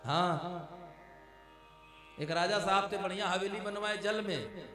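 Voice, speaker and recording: A man's voice: high-pitched, takes it slowly, pushed and bright, distant mic. A man preaching a devotional story sermon, acting out the dialogue and calling his listeners "maharaj". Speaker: Ram Katha preacher. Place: large live discourse venue. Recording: echoey live hall sound from afar, with music.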